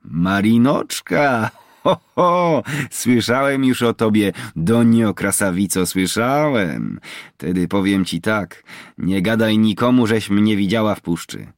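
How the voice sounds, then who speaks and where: Man reading as a proud young highland poacher. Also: animated, slow pace, no echo, clean studio sound. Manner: bold, teasing, proud. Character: young male mountain poacher, proud and bold. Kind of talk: audiobook character reading.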